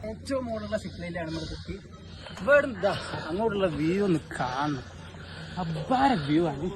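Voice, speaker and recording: A man's voice: high-pitched, expressive, normal speed, a crowd in the background. A man with a Kozhikode Malayalam accent gives casual travel vlog commentary, mixing English words into his Malayalam. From Kozhikode, Kerala. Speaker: vlog host. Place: outdoors at a hill adventure park. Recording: music behind the voice.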